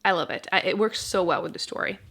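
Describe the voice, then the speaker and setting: A book vlogger and channel host talks casually and informally to camera about books, often rambling and cutting herself off with dry understatement. She speaks fast with lively intonation, in a mid-range, fairly bright voice.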